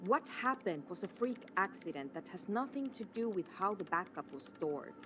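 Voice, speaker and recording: An actress playing a proud, exasperated programmer in a video game, curt, insistent and defensive. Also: female voice, mid-range voice, sing-song, normal speed, background noise, close to an everyday voice. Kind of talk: scripted video game dialogue.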